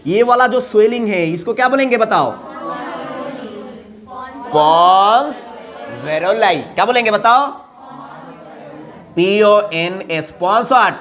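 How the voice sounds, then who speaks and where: In a call-and-response, chalk-and-talk biology class, a high-voiced man with a somewhat bright sound asks his students questions and then answers them. He lingers on emphasized terms and spells them out one letter at a time.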